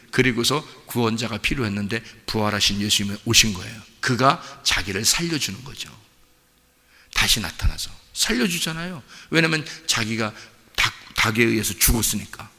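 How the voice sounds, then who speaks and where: A man preaching a dawn sermon as pastor, animated, asking the congregation questions and acting out the people he speaks of. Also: medium pitch, moderate pace, gravelly, in a large hall. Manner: animated preaching, acts out voices, asks the congregation.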